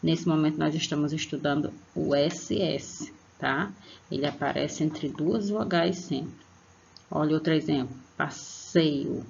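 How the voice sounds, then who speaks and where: Brazilian online teacher, patient, gravelly voice, slow clear examples, lo-fi recording. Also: medium pitch, a little hiss or hum. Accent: Brazilian Portuguese. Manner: patient, checks in with "tá?" after each point; spells out example words slowly. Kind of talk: online spelling lesson. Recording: dull lo-fi recording.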